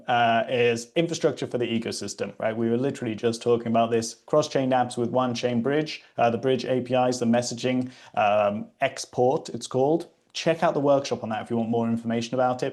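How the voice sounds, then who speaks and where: A man's voice: medium pitch, normal speed, darkish tone. A British man hosting a livestream, presenting in a casual, chatty way with many fillers and restarts. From Britain.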